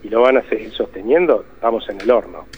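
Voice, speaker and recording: Fast and lowish, with a breathy edge, the voice of this Argentine economist guest carries emphatic interview answers that he keeps rephrasing. The recording sounds like a tinny phone line.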